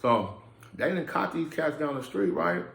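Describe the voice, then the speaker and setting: This man's voice sits a little high, with big pitch swings, vocal fry and some brightness, at a normal pace. Vlogging indoors under lights, he swears freely while telling a personal story bluntly and with street attitude. His camera mic picks up a roomy sound.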